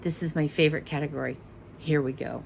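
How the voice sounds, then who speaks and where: A woman's voice: low-pitched, steady tone, fast talker, gravelly, a little mellow, slight background noise, low-quality recording. A middle-aged woman chatting casually and rambling a bit as she shows off her craft kits, often correcting herself mid-sentence. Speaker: cross-stitch vlogger. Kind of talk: casual show-and-tell chat.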